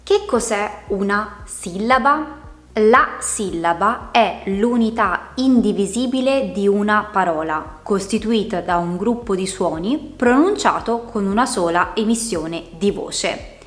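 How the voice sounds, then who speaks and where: A woman gives a patient lesson at an unhurried pace, sounding out each word syllable by syllable. Her voice sits in a middle register. The room around her rings with noticeable echo. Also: mid-range voice, lively intonation, faint music behind. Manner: spells out words syllable by syllable. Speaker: Italian teacher. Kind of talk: slow, clear explanatory lesson.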